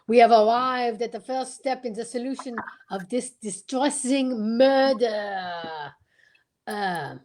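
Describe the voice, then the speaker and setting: A woman plays a self-assured Belgian gentleman detective in an old-time radio mystery, using a higher-pitched voice. Calm and knowing, the character speaks courteously and unhurriedly in a theatrical manner, dropping in French phrases, against a noisy background.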